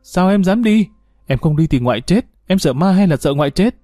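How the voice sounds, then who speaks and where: Urgent, pleading young woman, voiced by a male narrator, raised pitch, mellow dry storybook read. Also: expressive, a little fast, dry recording, faint music behind. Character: young woman, frightened but determined granddaughter.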